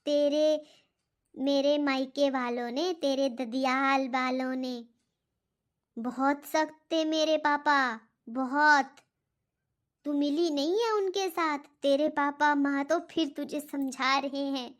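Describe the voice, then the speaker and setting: A woman voicing a stern, nosy old grandmother who lectures slowly in a cartoon. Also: high-pitched, fairly even intonation. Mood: reminiscing. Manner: slow, lecturing, reminiscing. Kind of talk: cartoon voice acting.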